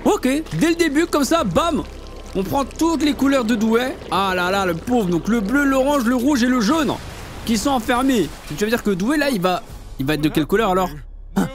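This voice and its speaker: Animated young man with a French accent. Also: extremely high pitch, normal speed, faint music behind. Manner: animated, slangy, exclamatory. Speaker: reaction video host. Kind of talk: casual reaction commentary.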